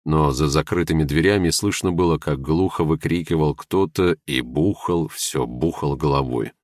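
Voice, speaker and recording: A man narrating literary prose in a measured, expressive reading. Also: extremely low pitch, dry recording, clean studio sound. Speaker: audiobook narrator.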